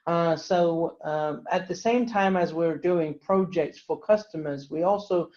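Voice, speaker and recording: A man from Iceland giving a webinar talk, halting with many fillers and restarts. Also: fairly high pitch, a little mellow. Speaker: conference speaker. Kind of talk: webinar presentation. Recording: dull lo-fi webinar audio.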